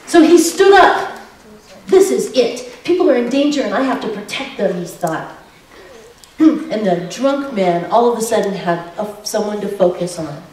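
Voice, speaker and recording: A woman pastor telling a children's story in church, animated and asking the children questions. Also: on the high side, slight background noise. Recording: echoey sanctuary from far off.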